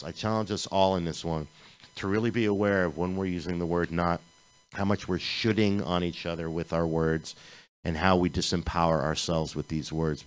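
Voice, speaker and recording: A man's voice: deep voice, rough recording. A man giving an informal, earnest sermon at a spiritual community gathering, rambling and restarting his sentences. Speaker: speaker at a spiritual community service. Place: live-streamed community gathering.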